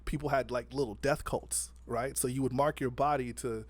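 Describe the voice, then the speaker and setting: Animated man arguing faith on a podcast. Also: mid-range voice, moderate pace, no room sound. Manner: animated, laughing often, earnest. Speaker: podcast co-host. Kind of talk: casual debate chat.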